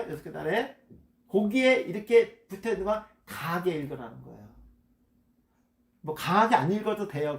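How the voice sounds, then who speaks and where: A man's voice: a little high, roomy sound. A man leading a Bible study lecture, reading passages aloud and explaining words, often repeating key terms. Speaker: Bible teacher.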